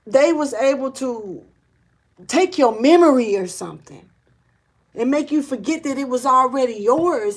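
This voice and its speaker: This tarot reader has a high voice and delivers a casual spiritual reading in a blunt, rambling way. She swears and uses slang, sounds earnest and urgent, and keeps repeating and restarting.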